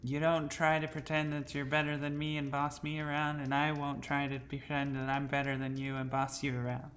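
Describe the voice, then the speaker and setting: A man's voice: a little high, monotone, fairly quick, a bit bright, a little hiss or hum. A man playing a tabletop role-playing game, narrating his character's actions and speaking her lines. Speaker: player.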